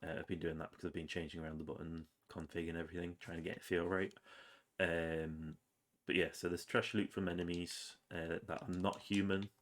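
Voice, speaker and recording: In a deep voice and at a fairly quick clip, a game developer who has a cold rambles easily over gameplay about how his game is coming along, sniffling and peppering it with ums and uhs.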